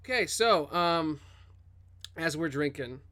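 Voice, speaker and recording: A man chatting through a tabletop role-playing session. His voice is bright and sits a little high. He jokes constantly and slips into playful character voices. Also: animated, slow pace. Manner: joking, playful, puts on voices. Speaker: player.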